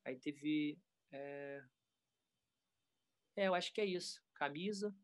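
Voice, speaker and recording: A man, a professional skateboarder talking in a relaxed, rambling way full of slang. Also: on the high side, slow. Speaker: pro skateboarder guest. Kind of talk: casual interview chat.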